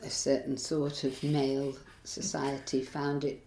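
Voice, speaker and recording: An older woman recounts her memories in an oral history interview, her low voice thoughtful and halting. She fills gaps with "um" and starts over mid-sentence. The room around her rings with noticeable echo. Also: completely flat delivery, dark tone, a little hiss or hum. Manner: reflective, hesitant, with many fillers and restarts. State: tearful at times. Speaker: interviewee recalling a protest camp.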